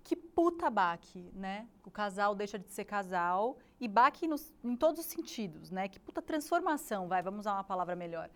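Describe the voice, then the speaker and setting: Uma mulher apresentando uma conversa casual, refletindo em voz alta e fazendo perguntas às convidadas. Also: female voice, mid-range voice, very animated, normal speed, few pauses, a bit bright. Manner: reflective, asks probing questions. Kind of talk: casual chat.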